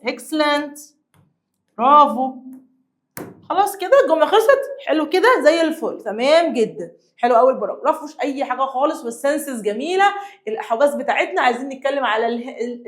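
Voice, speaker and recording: A young Egyptian woman with a high voice teaches an English lesson to children. She is lively and coaxing and repeats each new word slowly for her pupils. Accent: Egyptian Arabic. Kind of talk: classroom lesson explaining vocabulary.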